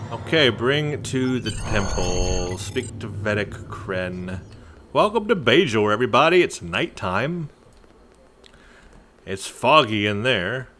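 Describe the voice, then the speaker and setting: A man's voice: on the low side, sing-song, slow, noisy background. A man giving casual, jokey commentary while playing a video game and reading text aloud. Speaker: gameplay commentator. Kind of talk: casual let's play commentary.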